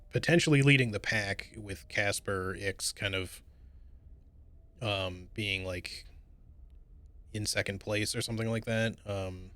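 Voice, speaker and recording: A man giving casual, rambling, hedging commentary as he streams a video game. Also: lowish voice.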